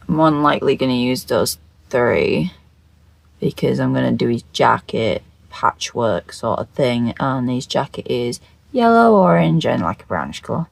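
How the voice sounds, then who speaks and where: Chatting loosely to camera, a makeup video creator sounds croaky and freshly woken, with a mid-range voice. The talk wanders in a scatterbrained, sweary way with repeated phrases, and no room sound comes through.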